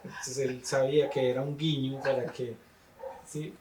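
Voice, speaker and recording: A man's voice: mid-range voice, little pitch movement, moderate pace, distant mic, background noise. A man, a teacher interviewing a guest in a thoughtful, rambling way. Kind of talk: conversational interview questions. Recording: roomy, off-mic sound.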